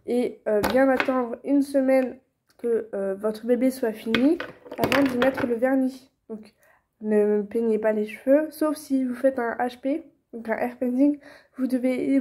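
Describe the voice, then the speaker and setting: A young woman, chatting casually through a how-to tutorial, filling pauses with many hesitations and restarts. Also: a little high, steady tone, mellow. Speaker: vlogger teaching reborn doll painting.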